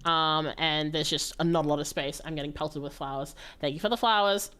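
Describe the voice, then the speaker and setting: A woman livestreamer chatting casually with her viewers while gaming, animated and playfully dramatic, given to exclaiming and pleading. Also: sits low, fairly quick, clear, resonant tone. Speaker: livestreamer hosting a game stream.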